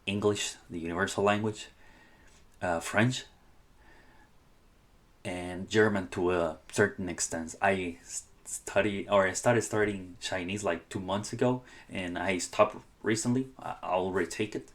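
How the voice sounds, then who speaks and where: A low-pitched young man from Honduras, Spanish his first language, talks to his viewers in a relaxed podcast style. He hesitates often, backing up to restart phrases and correct slips. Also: unhurried. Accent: Spanish-speaking Honduran. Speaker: channel host. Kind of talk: casual podcast-style advice talk.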